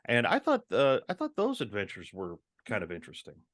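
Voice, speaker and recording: A man's voice: medium pitch, huge pitch swings, fairly quick, fairly bright tone, dry recording, clean studio sound. A man co-hosting a casual podcast, talking at length with many ums and restarts. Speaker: podcast co-host.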